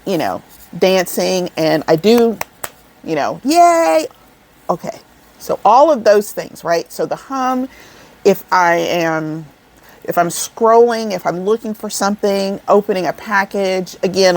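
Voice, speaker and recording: A woman in her forties rambles along in an easygoing vlog chat, calling her viewers y'all. Her voice sits a little low and carries a gravelly edge. She talks at an unhurried, slow pace. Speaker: crochet vlogger. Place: indoors, seated over an air vent.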